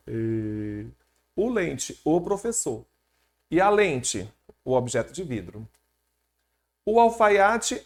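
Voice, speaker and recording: A Brazilian man teaching an exam-prep grammar lesson, joking with his class as he works through questions. His voice sits fairly high and swings widely in pitch. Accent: Brazilian Portuguese. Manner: lively, jokey teacher quizzing the class.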